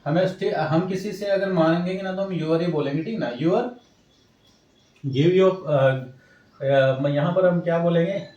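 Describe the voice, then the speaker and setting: A man's voice: on the high side, unhurried, warm tone, dull audio. Man teaching a lesson in an echoey room. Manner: repetitive, checks in with "ठीक है ना" often; asks questions then answers them himself. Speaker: English teacher. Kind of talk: classroom-style language lesson. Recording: roomy echo, mic set at a distance.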